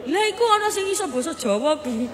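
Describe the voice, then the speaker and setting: A woman preacher giving a humorous village sermon in a lively, joking way, quizzing her audience. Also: high voice, quick pace. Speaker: Islamic preacher. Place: village gathering. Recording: reverberant PA with faint crowd and noise.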